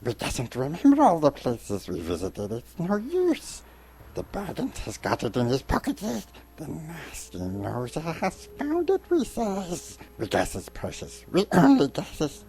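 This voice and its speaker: A man voicing Gollum's kind of wretched, paranoid cave creature in a dramatic storybook reading, hissing, creaky and muttering to himself in broken grammar. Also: on the high side, huge pitch swings, a little slow, darkish tone, pitched above the performer's own voice, exaggerated voice, poor audio. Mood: scheming, muttering.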